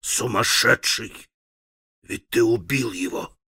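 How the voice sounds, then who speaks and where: A stern, impatient young man snapping angrily at his father. A man acts him out in an audiobook. The voice is bright and recorded dry and close. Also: lowish voice, slow pace, husky, no room sound, voice pushed down, heavily acted. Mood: furious. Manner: sharp, scolding.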